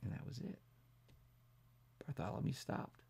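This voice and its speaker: A pastor tells a bedtime story for children, his voice moving dramatically from a hush to emphasis. He takes his time throughout.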